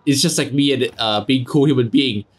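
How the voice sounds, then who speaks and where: A man's voice: mid-range voice, brisk, breathy edge. A man giving joking, casually swearing game commentary with mock exasperation. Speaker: gameplay video maker and commentator. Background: video game music.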